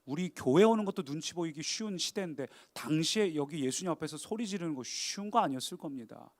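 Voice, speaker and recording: A man preaching a sermon as pastor, emphatic and dramatic, moving between loud appeals and quiet asides. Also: fairly high pitch, lively intonation, fast talker.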